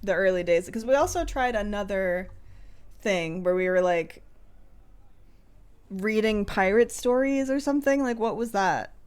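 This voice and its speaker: A woman in easy, casual chat as a podcast co-host, her voice sitting at a middle pitch for a woman. She is chatty, often breaks into laughter and lets sentences trail off. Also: lively intonation, unhurried, long pauses, a little mellow, smooth.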